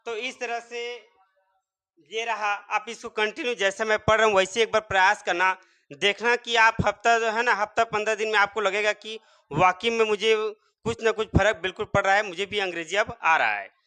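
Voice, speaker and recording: A man's voice: high-pitched, moderate pace, pushed and bright, smooth. A man teaching English pronunciation step by step, repeatedly quizzing his viewers. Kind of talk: spoken English lesson.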